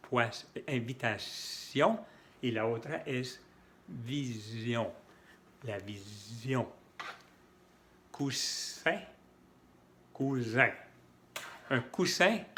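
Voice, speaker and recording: Slow, careful man teaching pronunciation. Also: mid-range voice, a bit bright, a little hiss or hum. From French-speaking. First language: not Spanish. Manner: slow, careful, repeats words to model sounds. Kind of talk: slow explanatory lesson with examples.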